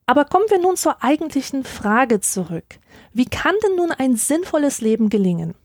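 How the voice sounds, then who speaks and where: A woman narrating a scripted philosophical essay in a measured, dryly ironic way. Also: on the high side, darkish tone, dry recording, clean studio sound.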